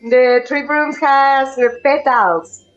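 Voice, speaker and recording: A Mexican woman who streams games chats casually with her live audience, greeting viewers by name and reading the game's text aloud. Spanish is her first language, her voice is high and she speaks slowly. The lo-fi recording carries faint music in the background.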